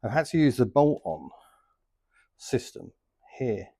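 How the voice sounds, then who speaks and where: A middle-aged man unboxes and reviews motorcycle gear for his vlog in a chatty, plain-spoken style. His warm, mid-range voice is very animated, though he takes a slow pace.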